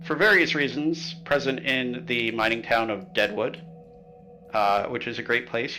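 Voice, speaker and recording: A man's voice: mid-range voice, bright, forceful tone, low-quality recording. A man running a tabletop horror game, recapping the story in casual livestream chat, joking and rambling with lots of filler sounds. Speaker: game master.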